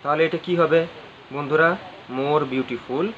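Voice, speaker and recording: A man's voice: on the high side, fairly even intonation, measured pace. Guy teaching grammar, keeps repeating himself and spelling stuff out, kinda dull recording. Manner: spells words out letter by letter, repeats phrases, asks the viewers questions. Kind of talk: spoken grammar lesson. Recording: slightly dull audio with faint ambient noise.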